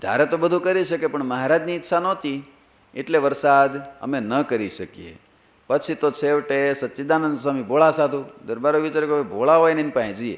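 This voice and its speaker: A man's voice: mid-range voice, brisk. A man who is a monk preacher, telling a sacred story as a sermon. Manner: lively storytelling, acts out characters.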